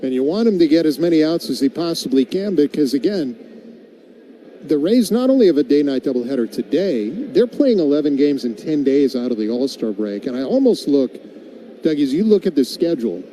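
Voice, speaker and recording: An American play-by-play announcer calls baseball live in radio style, chatting casually between pitches, with outdoor ambient noise behind him. His timbre is very soft and dark, his pitch slightly high with big swings, and his pace brisk.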